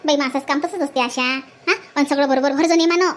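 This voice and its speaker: A woman's voice: sits high, fairly even intonation, fast talker, natural voice. A woman voicing an older village woman from who scolds and hands out repeated advice. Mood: bossy. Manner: scolding, repetitive advice-giving. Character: older village woman, bossy, lecturing elder.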